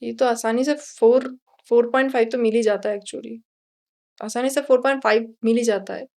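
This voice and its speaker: Consultant guest, woman from India, high voice, animated storyteller, switches between Hindi and English. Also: a little fast. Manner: animated, mixes English into Hindi, acts out dialogue. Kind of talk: storytelling interview answers.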